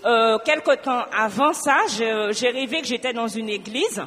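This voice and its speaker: A woman's voice: on the high side, unhurried, slight background noise. Woman telling a testimony in a reverberant hall. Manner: animated storytelling, acting out both sides of a dialogue. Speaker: churchgoer giving a testimony. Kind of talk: spoken testimony.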